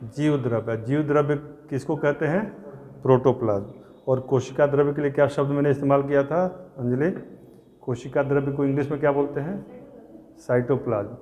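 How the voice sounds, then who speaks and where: A man teaching a classroom of exam students, repeating terms slowly and quizzing and scolding his students. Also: medium pitch, fairly even intonation, warm tone. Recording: reverberant classroom.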